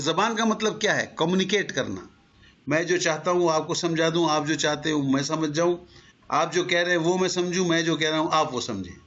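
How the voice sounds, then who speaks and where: A man lectures to a class, walking through his points patiently and posing questions to his listeners. His voice sits a little high, and the recording is dull and lo-fi. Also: a bit bright. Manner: explanatory, asks rhetorical questions. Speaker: teacher.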